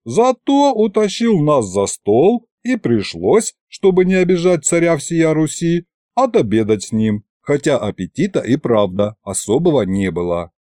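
A man's voice: on the high side, a little slow, hardly any pauses, dry recording, studio quality. A man reading a fantasy novel aloud as scripted narration, telling it expressively. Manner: expressive storytelling with many voices. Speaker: audiobook reader.

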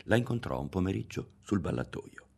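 A man reading a literary novel aloud in a measured, expressive narration. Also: deep voice, gravelly, husky. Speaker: audiobook reader.

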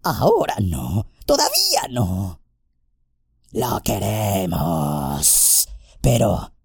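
A miserable, split-minded creature in a storybook reading, low and gravelly one moment and squeaking high the next. The voice is husky and wheedling, and it drags its words out slowly. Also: male voice, wildly swooping pitch, no echo, clean studio sound, full character voice. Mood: torn. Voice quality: creaky, raspy, wheedling. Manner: swings from a low mutter to shrill squeaks. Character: wretched hobbit-like creature torn between two selves. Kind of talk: audiobook character voice.

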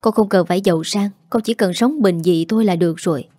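A devoted young village woman from a spoken story, earnest and soft-spoken, as a woman reads her. The voice is warm and mellow, recorded dry and close. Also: on the low side, fast talker, no room sound, lightly acted. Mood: pleading.

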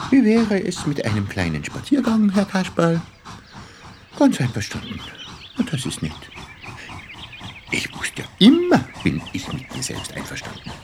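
Kasperl, lively puppet jester. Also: male voice, fairly high pitch, a little slow, long pauses, slight background noise. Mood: playful. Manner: chatty, argues with himself, playful. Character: Kasperl, cheeky talkative male puppet jester. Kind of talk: children's radio play acting. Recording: radio play with music behind.

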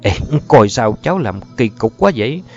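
A man's voice: on the low side, lively intonation, normal speed. A man voicing an eager-to-please, fluttery middle-aged male teacher. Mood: coaxing. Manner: fluttery, overly courteous. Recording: muffled audio with faint music.

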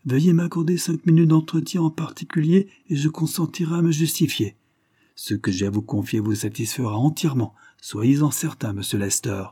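A man voicing a proud young gentleman who is accused of a crime and answers in a calm, measured way, in an audiobook reading. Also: fairly high pitch, breathy edge, no room sound, studio quality, voice pushed up. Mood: guarded.

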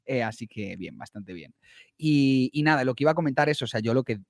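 Spanish man, casual podcast talker, animated and jokey, dry close sound. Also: medium pitch, fairly quick, vocal fry, no echo. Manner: animated storyteller, laughs often, swears casually. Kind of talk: casual chat.

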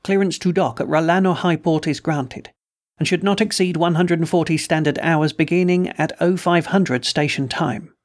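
A man voicing a small, damp alien customs official who speaks formally and croaks. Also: fairly high pitch, moderate pace, natural voice. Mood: courteous. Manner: formal, courteous.

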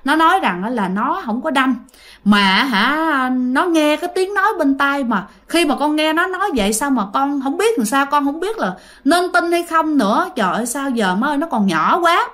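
A woman's voice: high-pitched, lively intonation, moderate pace, a bit bright. A woman with a Southern Vietnamese accent voicing a worried, torn mother in a spoken ghost story. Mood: anxious.

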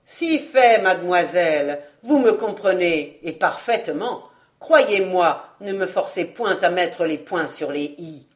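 A woman reading aloud, voicing an insolent male valet who speaks calmly and mockingly. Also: fairly low pitch. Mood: ironic. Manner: mocking, unhurried, calm.

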